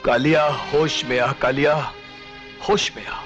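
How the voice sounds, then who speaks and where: An actor playing a stern police officer who lectures and pleads earnestly in a film melodrama. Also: male voice, medium pitch, steady tone, a little slow, highs cut off, loud music behind the voice, natural voice. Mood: earnest pleading.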